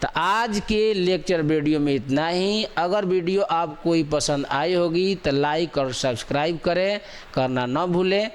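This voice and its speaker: A man's voice: a little high, a little slow, clean tone. A man teaching a grammar lesson, repeating example sentences over and over with rising and falling intonation to show the difference. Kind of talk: Hindi grammar lecture.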